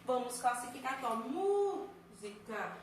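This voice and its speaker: Woman teacher, Brazilian Portuguese accent, fairly high voice, step-by-step explaining, echoey room, faint background noise. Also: animated, moderate pace, fairly bright tone. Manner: explains step by step, asks and answers her own questions. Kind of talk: recorded review lesson.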